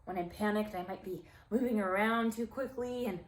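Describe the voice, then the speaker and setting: Reading to small kids, a woman uses a deliberate, emphatic delivery and stops for simple explanations along the way. Her voice sits in the middle range, and the audio is poor.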